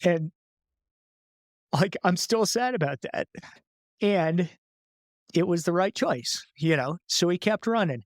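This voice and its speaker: A man with a notably high-pitched voice talks in a loose, chatty way as a podcast guest, full of filler words and quick laughs. The sound is close and dry with almost no room tone. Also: expressive, no echo. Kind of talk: casual conversational interview.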